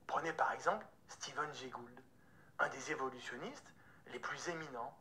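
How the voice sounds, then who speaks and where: A woman voicing a calm, knowledgeable man who explains things patiently in a hushed, half-whispered voice. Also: extremely low pitch, normal speed, slight background noise.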